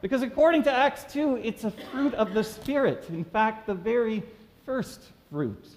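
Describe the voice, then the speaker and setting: A man preaching a sermon as pastor, reading scripture aloud and then telling a story with animated emphasis, recorded in a church sanctuary. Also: very high-pitched, moderate pace. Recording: church with long reverb.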